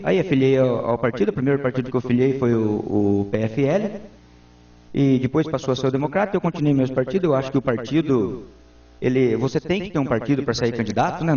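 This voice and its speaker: A man in his forties answers interview questions in an earnest, formal way as a town councilman. His voice is dark and mellow, and it comes from a distance in a roomy space. The sound is dull and lo-fi. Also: medium pitch. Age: 40s.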